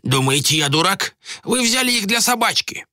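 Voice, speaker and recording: A greedy, cynical dealer, played by a male narrator drawls his bargains slowly in a hushed, slightly raised voice. His tone is bright and the sound is dry. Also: on the high side, huge pitch swings, no echo, voice pushed up, exaggerated voice. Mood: cold. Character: cold, greedy male trader in children.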